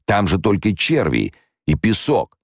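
A man's voice: lowish voice, wildly swooping pitch, a little slow, no room sound, clean studio sound, pitched above the performer's own voice, full character voice. A man voicing a frightened, cornered baron in an audiobook, protesting and pleading. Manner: protesting, plaintive. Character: fat frightened male baron, pleading and wheedling.

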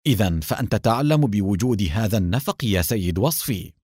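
A man doing a calm, reassuring young sidekick. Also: lowish voice, a little fast, husky, dry recording, studio quality.

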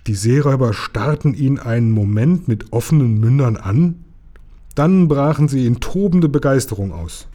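A man reading a children's book aloud to children, relaxed, now and then breaking off for a casual aside. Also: mid-range voice, normal speed.

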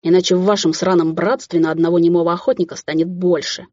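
A woman voicing an arrogant, domineering man who speaks curtly, in a low, hissing way. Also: fairly even intonation, fast, a little mellow, no room sound, lo-fi sound, lightly acted. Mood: irritated. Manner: curt, growling, hissing.

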